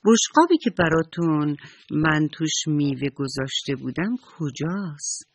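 A man voicing a calm, mildly puzzled mother in a children's story. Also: a little high, breathy edge, no room sound. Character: mild, forgetful mother.

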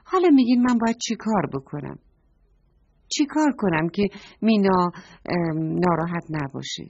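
A little storybook girl, possessive and quick to reproach her friend, put on by a woman narrator. The voice is fairly low-pitched for a woman, yet lifted and childlike for the part. The sound is dull and lo-fi. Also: animated, gravelly, a little mellow, no echo. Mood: childish, earnest. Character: little girl, upset about her new doll. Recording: dull lo-fi recording.

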